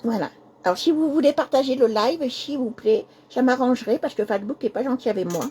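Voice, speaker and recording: A woman hosting a casual live craft stream, hoarse with a cracking voice, speaking softly and apologizing often while repeating herself. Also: on the high side, fairly quick, a little hiss or hum.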